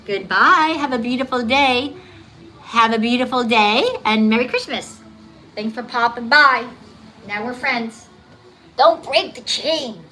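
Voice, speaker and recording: She speaks in a fairly high, bright, forceful voice, unhurried, with a New Jersey accent and a slight lisp. As host of a casual livestream, she cooks and does dishes in her home kitchen while tap water runs, chatting upbeat and humming or singing along. Slight background noise is present.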